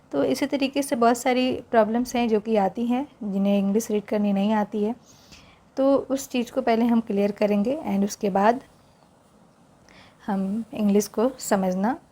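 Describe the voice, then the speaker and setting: A woman teaching an English reading lesson, reading each word slowly aloud and explaining how to pronounce it. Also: fairly high pitch, mellow. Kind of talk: slow classroom read-aloud lesson.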